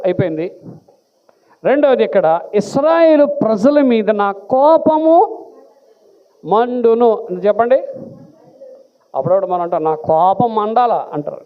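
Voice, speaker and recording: A pastor preaching a sermon with animated delivery. He asks the congregation questions and answers them himself. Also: high-pitched. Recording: tinny phone-like sound.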